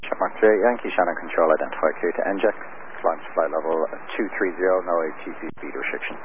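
A man's voice: sits low, fast talker. A man giving clipped, procedural aviation calls over a radio transmission. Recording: narrowband radio, loud static noise.

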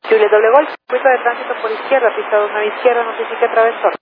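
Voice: medium pitch, steady tone, fast. Controlador de torre por radio, rápido. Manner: clipped, formulaic aviation phrasing. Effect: tower radio transmission. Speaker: air traffic controller. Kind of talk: tower radio instructions. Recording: narrow radio band with loud hiss.

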